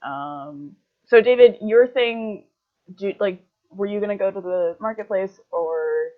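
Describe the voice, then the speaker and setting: A woman's voice: mid-range voice, unhurried. Woman game master, chatty and rambling, casual narration on a dull lo-fi call line. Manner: rambling, heavy on filler words.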